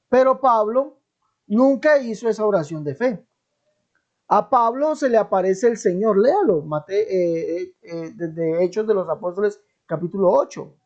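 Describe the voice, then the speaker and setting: Emphatic man teaching, mellow and lo-fi. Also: sits high. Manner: emphatic, repeats key phrases, checks in with listeners. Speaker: Bible teacher. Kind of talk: online Bible teaching commentary. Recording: dull lo-fi recording.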